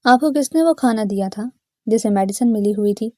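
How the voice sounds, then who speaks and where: A woman voicing a stern, protective young man who is quick to anger, speaking firmly. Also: fairly high pitch, a little mellow, no echo, clean studio sound, lightly acted. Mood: stern, angry. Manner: firm, threatening delivery.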